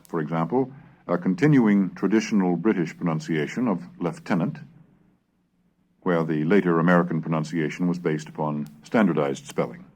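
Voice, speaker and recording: As narrator of a recorded lesson, a man with a low voice reads scripted historical narration. His delivery is formal, measured, and expressive.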